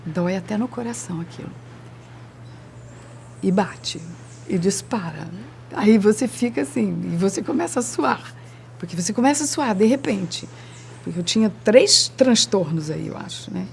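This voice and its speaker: Woman, documentary testimony, gravelly fry, halting delivery, faint hum behind. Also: medium pitch, animated. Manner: halting, personal, searching for words. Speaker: interviewee sharing personal experience.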